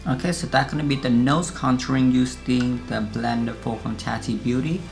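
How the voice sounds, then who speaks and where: Creaky-voiced man. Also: mid-range voice, steady tone, moderate pace, faint music behind. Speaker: beauty vlogger. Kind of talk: casual makeup tutorial chat.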